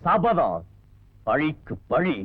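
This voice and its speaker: An actor playing a vengeful, domineering elder brother in a film melodrama, menacing and shouting in bursts. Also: male voice, a little high, huge pitch swings, very slow, slightly rough, no room sound, full character voice. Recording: dull lo-fi film soundtrack with music.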